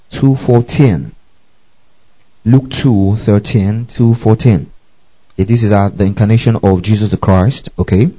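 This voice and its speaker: A man preaching a Bible lesson, who keeps checking in with his listeners by asking "okay?" and "do you see that?". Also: fairly low pitch. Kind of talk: bible teaching sermon. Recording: muffled lo-fi recording.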